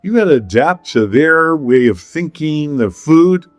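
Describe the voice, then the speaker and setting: A middle-aged man hosting a relaxed talk, drifting from one story to the next. He keeps circling back on himself and breaking into laughs. His voice sits close and dry on the mic, with faint music under it. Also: on the high side, measured pace, no room sound. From Pacific Palisades, California. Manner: rambling storyteller, laughs often. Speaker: podcast host. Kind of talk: casual chat.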